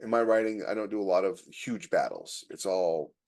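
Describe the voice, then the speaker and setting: A military science fiction author co-hosting a casual podcast explains things in a conversational way. His voice sits low and is a little mellow at a moderate pace, and his sentences tend to trail off and restart.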